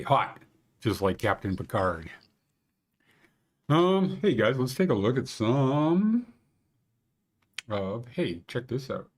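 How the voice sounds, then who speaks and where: A man's voice: medium pitch, a little mellow, breathy edge. A man in his fifties hosting a park conditions show, chatting casually in rambling, joking asides. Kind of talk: casual morning vlog chat.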